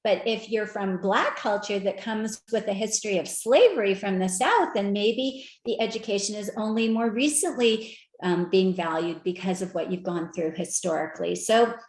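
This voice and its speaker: A woman gives a conference talk, speaking in an animated, conversational way and putting direct questions to her listeners. Her voice sits in a middle range, and the room around it is roomy and echoey. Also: mid-range voice, normal speed, hardly any pauses. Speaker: speaker at an equity research event. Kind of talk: conference talk presenting slides. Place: virtual event.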